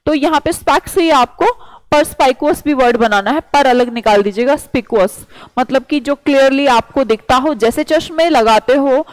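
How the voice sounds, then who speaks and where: Woman teacher, higher voice, dry close-mic lecture, keeps asking questions and answering them. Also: normal speed, dry recording, poor audio. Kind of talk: vocabulary lecture.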